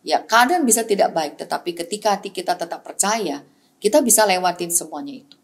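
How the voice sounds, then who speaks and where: A woman's voice: lively intonation, a little fast. Woman pastor preaching with rising, falling emphasis. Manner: repetitive exhortation, calling the congregation "saudaraku"; drops pitch and volume on closing words, rises sharply on repeated key words. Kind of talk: sermon.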